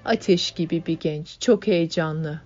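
A woman's voice: sits low, a little slow, darkish tone. A woman voicing a worried old working-class mother who speaks in short, anxious phrases. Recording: dull lo-fi audiobook, faint music.

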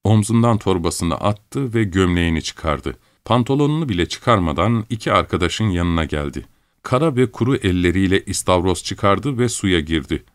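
Brief: a male audiobook narrator with a low voice, close and dry. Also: moderate pace, dry recording. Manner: steady, even storytelling.

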